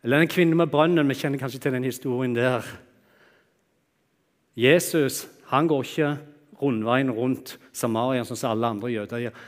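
Recorded with long reverb in a hall, this male preacher alternates between raised, emphatic declarations and quiet, hushed passages, his delivery highly expressive.

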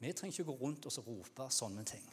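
A man's voice: medium pitch, lively intonation, slightly rough. Norwegian man preaching in a reverberant hall. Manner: conversational preaching, acts out shouted cries. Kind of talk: sermon.

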